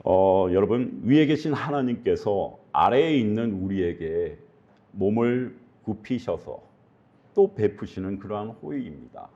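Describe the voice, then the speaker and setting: A man's voice: on the low side, lively intonation, unhurried, dark tone, dull audio. A male pastor preaching earnestly, often putting questions to his congregation. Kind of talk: sermon.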